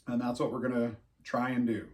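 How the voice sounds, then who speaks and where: A man's voice: mid-range voice, little pitch movement, fairly quick, a little mellow, far from the mic. A man co-hosting a podcast in casual chat, rambling and laughing at his own jokes. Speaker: podcast co-host.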